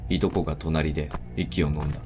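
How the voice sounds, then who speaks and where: A man narrating a first-person horror story in a deliberate, suspenseful way. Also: a bass voice, flat delivery. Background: background music.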